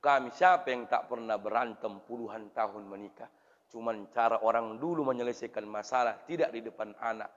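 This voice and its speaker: A man preaching a lively mosque sermon, swinging between loud and soft and acting out voices. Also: medium pitch, a little fast. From Indonesia. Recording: reverberant hall through dull PA sound.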